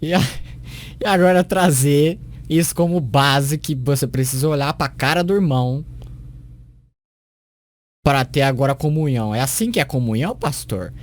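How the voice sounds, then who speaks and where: A man's voice: a little high, moderate pace, long pauses, no room sound. A man commenting critically on a sermon clip, sarcastic and scornful, with a mocking tone.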